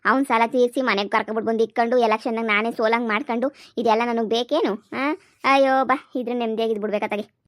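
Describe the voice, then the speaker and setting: A woman's voice: on the high side, steady tone, no echo, studio quality, lightly acted. A woman voicing a stubborn, election-obsessed mother in a cartoon comedy, scolding and grumbling. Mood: defiant. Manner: scolding, grumbling, fast and defiant.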